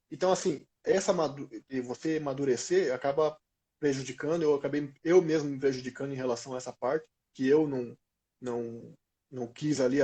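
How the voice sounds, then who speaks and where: A man in his thirties, once a pro footballer, chats about his athletic career in a casual, slangy interview, his Brazilian Portuguese accent clear. His voice is medium-pitched and dark.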